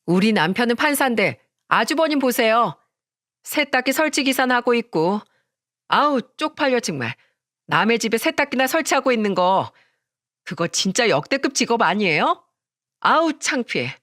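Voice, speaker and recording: Woman narrator doing a snobbish, shrill young wife in a storybook drama; high, lively, swinging delivery, dry close sound. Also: moderate pace, no room sound. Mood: sneering. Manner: shrill and haughty.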